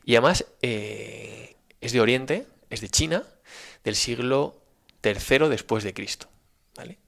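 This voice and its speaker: A man with a Spanish accent telling a story in a casual, animated, folksy way, often checking in with his listener. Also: mid-range voice, measured pace, creaky. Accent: Spain. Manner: animated, folksy, frequent "¿vale?" check-ins.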